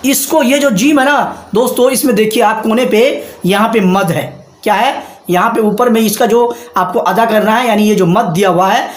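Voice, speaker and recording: A man with a fairly high voice gives an online pronunciation lesson. He repeats himself patiently and stretches out each letter sound. The room around him rings with a noticeable echo. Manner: patient, repetitive, slowly drawn-out letter demonstrations. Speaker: Arabic pronunciation teacher.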